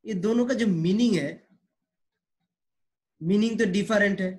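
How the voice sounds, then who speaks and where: A man teaching English pronunciation, explaining slowly and repeating words, mixing with English phrases. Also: high-pitched. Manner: slow, repetitive explaining, mixing Hindi and English.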